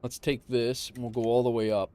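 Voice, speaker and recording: A man giving casual livestream commentary on a flight simulator game, informal and thinking out loud. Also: mid-range voice, little pitch movement, brisk, smooth.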